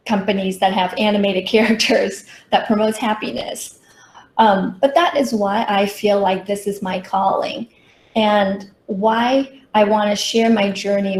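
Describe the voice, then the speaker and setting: Her voice is mid-range and darkish: a middle-aged woman from Taiwan working as a professional consultant. She presents a prepared workshop with personal anecdotes, and the recording carries room echo and faint background noise.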